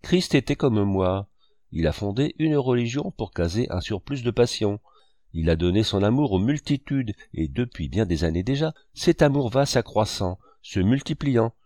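A man's voice: on the low side, animated, moderate pace, a little mellow, no room sound, studio quality, natural voice. A man reading the lines of a tormented, grandiose man who believes he is Christ, pouring out feverish pleas. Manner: pleading, feverish outpourings. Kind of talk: audiobook reading.

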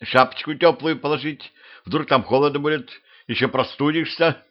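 A man's voice: on the high side, moderate pace, pitched above the performer's own voice, close to an everyday voice. A man voicing a wailing, fussy middle-aged wife in a humorous audiobook, raised and lamenting. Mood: fussing. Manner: lamenting, fussing. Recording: muffled lo-fi home recording.

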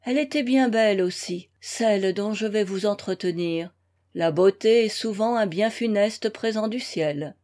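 A woman voicing a brooding young husband who speaks in a grave, restrained way with bitter irony, in a slowly read novel. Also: mid-range voice, mellow, natural voice. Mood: sombre.

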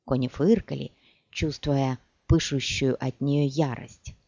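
A woman narrating an audiobook in a measured, even storytelling way. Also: extremely low pitch, dry recording. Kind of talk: scripted narration. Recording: dull dry recording.

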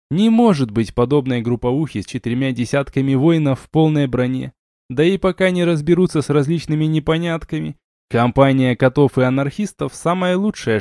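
A man narrates a first-person fantasy audiobook, his voice sitting at an ordinary middle pitch. He reads in a lively, ironic way. The studio sound is close and completely dry. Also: no echo.

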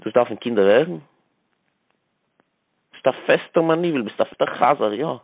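A man calling in to a radio show, explaining his view in an earnest, somewhat halting way. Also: mid-range voice, animated, husky, no echo. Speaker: caller. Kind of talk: phone-in talk. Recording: tinny phone line.

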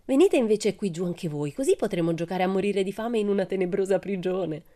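A woman's voice: mid-range voice, expressive, fairly quick, mellow, close to an everyday voice. A woman voicing a wild, cheerful, boastful girl in a storybook reading, brash and theatrical. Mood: playful boasting.

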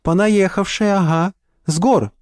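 A shy young woman job applicant, answering quietly in short, hesitant replies in a raised voice, as a male reader puts her on. The sound is dry and close, with no room around it. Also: sits high, a little slow, no room sound, pitched above the performer's own voice. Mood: timid.

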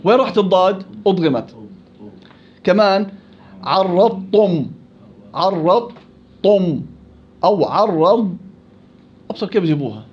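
A man teaching Quran recitation rules to students in a classroom. He corrects them, repeats syllables to demonstrate each sound, and recites verses slowly. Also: high voice, animated, a little mellow. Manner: slow, drawn-out recitation of verses. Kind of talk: tajweed lesson with students. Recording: dull lo-fi recording.

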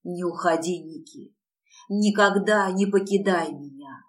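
Hoarse pleading young man, read by a woman. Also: on the low side, unhurried, far from the mic, close to an everyday voice.

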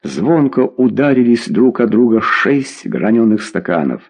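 Brief: male narrator, husky and dark, lively intonation. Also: medium pitch, a little slow. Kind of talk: audiobook narration.

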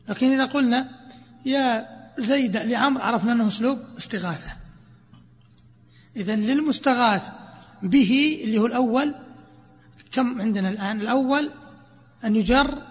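A man teaching a grammar lesson, questioning his students and reciting verses slowly. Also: extremely high pitch. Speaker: sheikh teaching Arabic grammar. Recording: dull lo-fi sound, long hall reverb.

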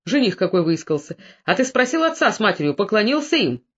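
Reader doing stern old peasant father, gruff, threatening, lo-fi audiobook. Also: medium pitch, big pitch swings, quick pace, a bit bright. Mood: angry. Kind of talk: audiobook dialogue reading. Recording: dull lo-fi recording.

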